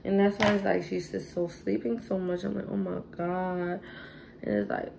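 A woman's voice: fairly low pitch, flat delivery, moderate pace, gravelly, noisy background. A tipsy young woman, chatting casually through a makeup tutorial in a rambling, sassy way, swearing freely. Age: young adult. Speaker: beauty vlogger.

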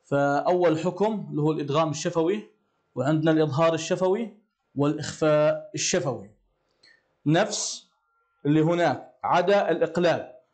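A man teaching a classroom lesson. He asks the class questions and answers them himself, and he slows down to chant verses. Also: on the high side, a little mellow.

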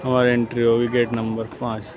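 A man's voice: mid-range voice, completely flat delivery, brisk, phone-quality sound. Young guy vlogging on his phone, chatty, laughs a lot, music going underneath. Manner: chatty, laughs often with friends. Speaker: travel vlogger. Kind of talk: casual travel vlog. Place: outdoors by a road, then inside an airport terminal.

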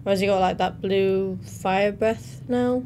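Steady in tone and measured in pace, a young adult woman's mid-range, slightly mellow voice carries her casual reaction commentary. She alternates between reading captions and dropping in informal comments. It's recorded indoors in a small room at home with noticeable background noise.

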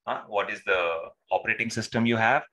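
A bright-voiced man teaches a live online technical lesson that is informal and interactive. His voice is fairly low and brisk, and he addresses learners as "sir" and checks in with short tag questions. He is heard through a video call microphone.

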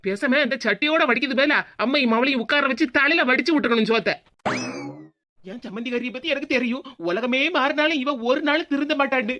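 A woman's voice: high-pitched, sharp tone. A woman voicing a put-upon young daughter-in-law in a cartoon, with a Tirunelveli Tamil accent and a complaining, plaintive manner. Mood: grumbling. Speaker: cartoon voice actor. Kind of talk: comic cartoon voice acting.

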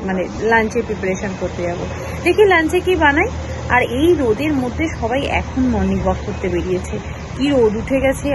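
A woman's voice: on the high side, background noise. A middle-aged Bengali woman from India, chatting casually to her viewers in a home vlog while doing chores. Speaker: vlogger. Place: home, balcony and kitchen, after a walk.

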